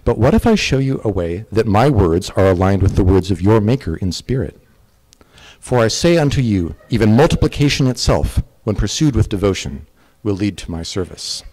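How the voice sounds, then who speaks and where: A man voicing a serene, subtle goddess of all living things, speaking softly and measuredly in a recited poem. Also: on the low side, animated, moderate pace, low-quality recording. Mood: gently persuasive. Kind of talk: poetry recitation.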